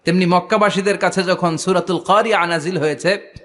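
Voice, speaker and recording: Preaching to a gathering, a man speaks in a high-pitched, somewhat bright voice with fairly even intonation. He slowly chants Quranic verses and rouses the crowd through call-and-response, throwing questions out and pulling answers back.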